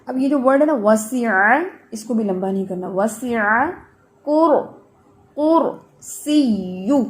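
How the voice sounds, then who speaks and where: A woman teaching Quran recitation in an online class. She patiently corrects her students' mistakes, checks in with them, and models each word in slow, drawn-out recitation. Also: a little high.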